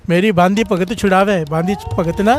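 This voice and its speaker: A man's voice: fairly even intonation, moderate pace, faint music behind. A man giving a devotional sermon, telling a story and often calling the congregation to respond. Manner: rises in pitch and volume at emphatic points. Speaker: preacher. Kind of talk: Sikh katha sermon.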